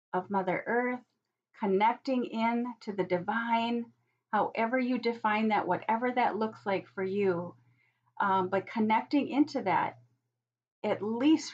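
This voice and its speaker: A woman giving a casual oracle card reading in a reflective, spiritual-guidance manner, like a fortune teller addressing her followers. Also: medium pitch. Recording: dull, lo-fi audio.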